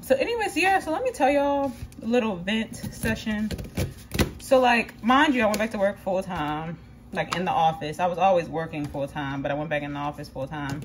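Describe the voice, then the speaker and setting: A woman's voice: on the low side, noisy background. Chatty young woman venting in a kitchen. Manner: candid and chatty, venting with lots of "like" and casual swearing. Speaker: vlogger. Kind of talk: casual vlog chat while cooking. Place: home kitchen.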